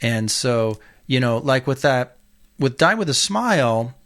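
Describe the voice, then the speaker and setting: A man's voice: medium pitch, big pitch swings, measured pace, fairly bright tone. A middle-aged man hosting a casual podcast chat as a guitar teacher, candid and opinionated, talking loosely with fillers.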